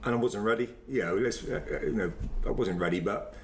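A low-pitched man in his 50s from Wiltshire, England, a former semi-professional footballer, reminisces casually in an interview. His speech rambles and halts, circling back to repeat phrases, with faint noise in the background.

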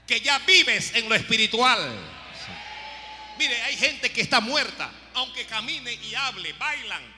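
A high, piercingly bright man's voice preaches a fervent sermon, dropping to low murmurs and then rising to shouted praise. His words ring with long reverb through a church hall. Faint music plays underneath. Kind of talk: impassioned sermon.

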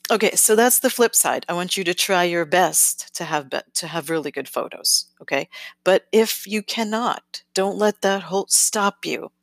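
Chatty low-voiced woman podcast host. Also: no room sound. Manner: chatty, self-correcting, often checks in with "okay?"; lively emphasis that turns sing-songy. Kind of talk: casual podcast advice talk.

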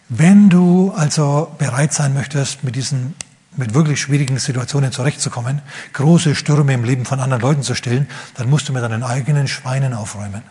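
A man's voice: mid-range voice, darkish tone, slightly rough. A man preaching a sermon who retells a Bible story vividly and briefly acts out the figures in the story. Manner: acts out the figures in quick asides.

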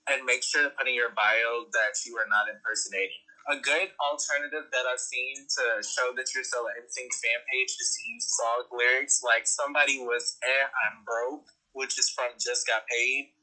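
A woman's voice: extremely low pitch, steady tone, normal speed, few pauses, bright, forceful tone, poor audio. A woman co-hosting a casual chat among friends, explaining practical tips in a chatty way. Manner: chatty, gives practical fan-page tips. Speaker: podcast co-host.

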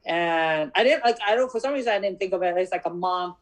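A woman's voice: on the low side, quick pace, rough recording. Woman in her 30s, podcast chat, acts out all the voices in her story, laughs a lot. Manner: animated storyteller, laughs often, acts out dialogue. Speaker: podcast co-host.

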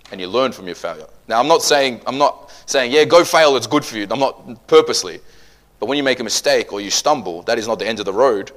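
A man preaching a sermon, animated and joking, swinging between loud bursts and quiet asides. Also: medium pitch.

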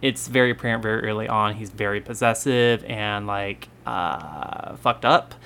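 Rambling young man, bright voice. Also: on the low side, moderate pace, gravelly, clean tone. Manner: rambling, full of fillers and self-corrections. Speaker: podcast co-host. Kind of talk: casual chat about a movie.

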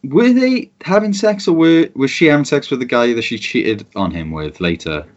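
A man's voice: medium pitch, expressive, normal speed, darkish tone. A man telling a playful, jokey story about a film scene in casual chat. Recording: dull lo-fi recording.

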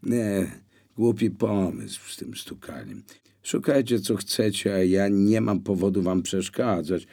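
A man voicing a calm blind young man who answers intruders placidly with a little irony. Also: deep voice, a little slow, vocal fry, full character voice. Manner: placid, mildly ironic.

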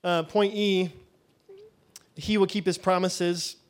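A man's voice: high-pitched, steady tone, takes it slowly. A man teaching a Bible session in a loose, conversational way, thinking aloud as he goes.

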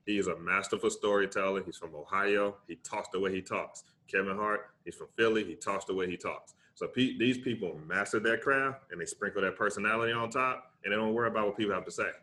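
A middle-aged man with a Southern US accent, talking casually and emphatically as a motivational interview guest, often checking his points with a quick tag question. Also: lowish voice, sharp tone. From Alabama, United States. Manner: emphatic, conversational, often tags points with "right?". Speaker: interview guest, public speaker.

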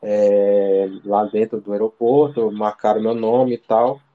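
A man's voice: lowish voice, level tone, measured pace, narrow, tinny audio. A man from Brazil in casual interview chat, telling a story in a slangy, rambling way full of fillers and restarts. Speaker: interview guest. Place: living abroad in Ireland.

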